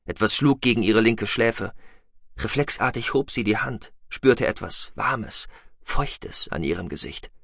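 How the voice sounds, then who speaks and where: Low-voiced man narrating a story. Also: animated, measured pace, gravelly, a bit bright, dry recording, clean studio sound. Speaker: audiobook narrator. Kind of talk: scripted science-fiction narration.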